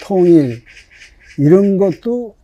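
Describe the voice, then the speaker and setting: Man, theater colleague, deliberate interview speech, darkish voice, slightly raised pitch. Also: animated, dark tone, lo-fi sound. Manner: deliberate, halting phrasing. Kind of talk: documentary interview.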